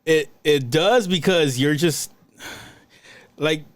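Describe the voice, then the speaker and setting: A young man co-hosting a podcast in casual chat, rambling with halting restarts and lots of fillers. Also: fairly high pitch, no echo. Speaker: podcast co-host.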